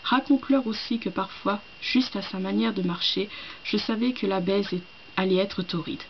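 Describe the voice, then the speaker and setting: A woman's voice: medium pitch, normal speed, creaky, dull audio, slight background noise, close to an everyday voice. A woman reading as a grieving young man. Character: grieving young man mourning his lover. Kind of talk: reading a play passage aloud.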